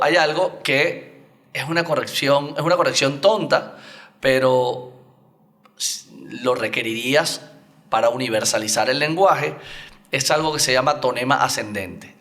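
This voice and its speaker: A man's voice: medium pitch, a bit bright. A man as an oratory coach, a guest explaining speaking technique in a didactic way with spoken examples. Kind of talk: explanatory interview talk.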